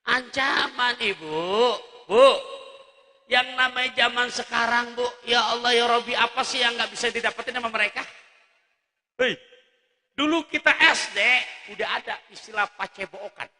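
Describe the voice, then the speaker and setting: A male preacher giving a jokey religious lecture, talking straight to the mothers in his audience and swinging between soft asides and shouts. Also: very high voice, moderate pace, in a large hall.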